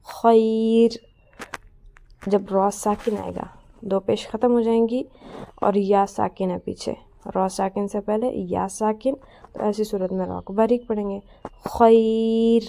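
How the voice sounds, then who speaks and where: A woman teaching a Quran recitation lesson. She explains each rule patiently and says every example word slowly and clearly. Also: medium pitch, steady tone, mellow. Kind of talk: tajweed lesson.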